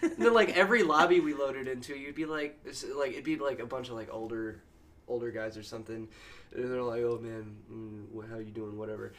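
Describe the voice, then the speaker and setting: A man's voice: mid-range voice, brisk, a bit bright, slight background noise. A man co-hosting a podcast, chatting casually with loose, crude, joking banter. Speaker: podcast co-host. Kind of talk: casual chat.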